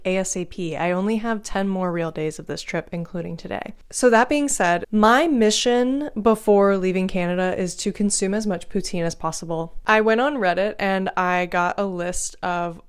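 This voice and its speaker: A woman's voice: mid-range voice, smooth, dry recording, studio quality. A young woman talking casually to camera in a chatty, upbeat travel vlog. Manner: chatty, upbeat, thinking aloud. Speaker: vlogger.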